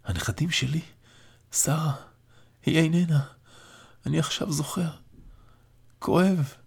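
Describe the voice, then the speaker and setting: A man's voice: a little high, gravelly, a little mellow, breathy edge, voice pushed up. A man voicing a frail elderly father in an audiobook, speaking in a weak, faint voice. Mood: weak, tearful. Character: frail elderly dying father, tearful and tender.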